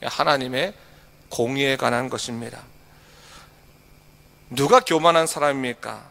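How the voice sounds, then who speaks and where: A male pastor giving a morning sermon, reading scripture slowly and asking the congregation rhetorical questions. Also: mid-range voice, gravelly, bright, forceful tone. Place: church sanctuary. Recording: long hall reverb.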